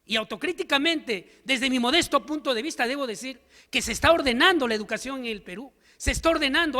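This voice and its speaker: A man's voice: extremely high pitch, sharp tone. A man giving an emphatic seminar lecture to teachers, full of rhetorical questions and stories. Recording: long hall reverb.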